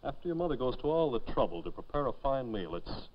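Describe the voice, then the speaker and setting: A man's voice: medium pitch, big pitch swings, fast talker, lightly acted. An actor playing a middle-aged father who formally scolds his son at dinner, in a 1950s educational film. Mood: reproving. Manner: reproving, formal. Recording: dull lo-fi 1950s film soundtrack.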